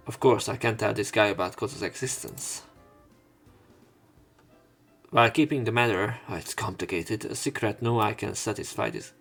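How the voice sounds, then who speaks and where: A man with a lowish, creaky, fairly bright voice narrates and reads dialogue for a visual novel let's play, occasionally tripping over words. The game's music plays behind him.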